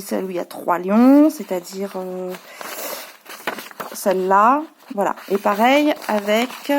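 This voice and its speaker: A woman's voice: medium pitch, background noise. Patient French preschool teacher, woman. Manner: patient, hesitant, many fillers. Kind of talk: explaining worksheets to parents.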